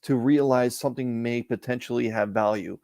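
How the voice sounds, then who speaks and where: Canadian man, rambling chat guest, middle pitch, dry close sound. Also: moderate pace, darkish tone, no echo. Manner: rambling, repeats and restarts words. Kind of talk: casual live-stream chat.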